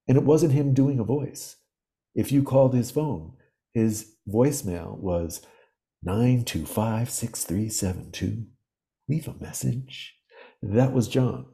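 A man in his sixties, a podcast guest, telling reflective, vivid stories at an unhurried pace with frequent pauses. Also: lowish voice, mellow. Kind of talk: storytelling interview.

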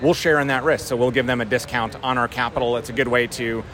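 A man's voice: medium pitch, steady tone, fast, fairly bright tone. A man with a North Dakota accent explaining things in a plain-spoken, conversational way as an interviewed company representative. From North Dakota, USA. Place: outdoors at a busy farm trade show. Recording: outdoor crowd and vehicle noise.

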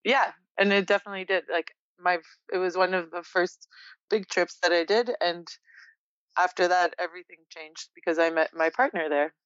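This is a young woman born in Poland, chatting as an interview guest with a smooth, resonant, lowish voice. She is reflective and quick to laugh. The sound is dull and lo-fi. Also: no echo. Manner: relaxed, reflective, laughs often. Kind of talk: casual interview chat.

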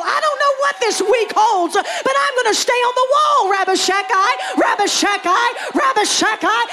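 A woman pastor preaching a fervent sermon in church, shouting and calling out to the congregation. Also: extremely high pitch. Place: church sanctuary.

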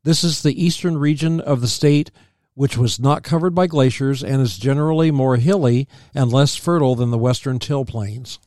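A man, reading local history aloud as a podcast co-host, steady and plain with small slips. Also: mid-range voice, moderate pace, no echo, clean studio sound.

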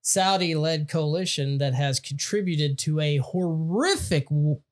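A man with a higher voice co-hosting a talk podcast. He speaks slowly and reads out news items, dropping in sardonic remarks. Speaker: podcast co-host. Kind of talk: casual political commentary.

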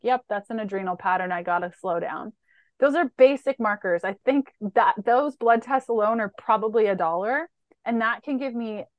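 A woman's voice: on the high side, no room sound. A woman, a holistic nutritionist being interviewed, who explains at length and lists lab markers one after another in a methodical way.

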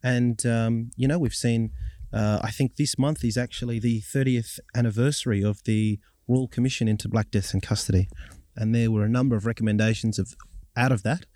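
Australian man, thirties, journalist being interviewed: warm relaxed tone, measured phrasing, close dry recording. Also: mid-range voice, dry recording. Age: 30s. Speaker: journalist and broadcaster. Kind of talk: reflective interview answers.

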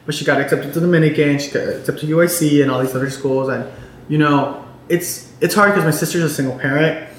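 A man's voice: a little high, fast. A young man from Chicago talking casually as an interview guest, telling stories with lots of fillers and quoted dialogue. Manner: chatty storyteller, many fillers and quoted dialogue. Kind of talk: casual chat. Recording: echoey room with faint noise.

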